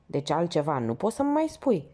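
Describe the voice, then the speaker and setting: A woman voicing a calm, measured male police lieutenant questioning a porter in a story. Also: low voice, full character voice. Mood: probing.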